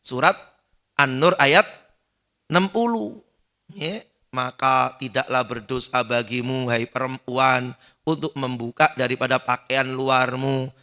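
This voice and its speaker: A male preacher giving an animated dawn sermon in a mosque, acting out shouted pleas and joking with the congregation. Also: mid-range voice.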